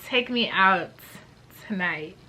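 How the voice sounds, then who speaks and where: Bright-voiced chatty woman in her late 20s. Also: mid-range voice, lively intonation, slow. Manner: chatty, gushing, slangy. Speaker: beauty vlogger. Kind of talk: casual perfume review vlog.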